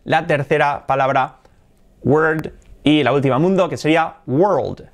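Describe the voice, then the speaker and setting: Playful Spanish-speaking pronunciation teacher. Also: male voice, fairly high pitch, measured pace. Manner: playful, exaggerated demonstrations of sounds, frequent laughs; direct address to viewers, lively. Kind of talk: pronunciation lesson for a video channel.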